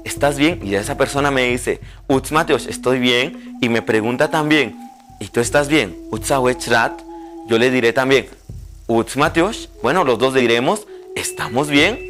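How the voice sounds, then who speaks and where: A man, a language teacher giving a televised lesson and slowly spelling out pronunciation drills. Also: mid-range voice, fairly bright tone. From Guatemala.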